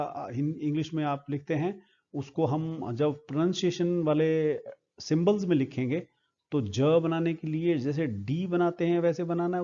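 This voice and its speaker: A man's voice: on the high side, warm tone, dull audio. A man teaching English phonetic symbols, spelling each word out sound by sound. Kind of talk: phonetics lesson at a board.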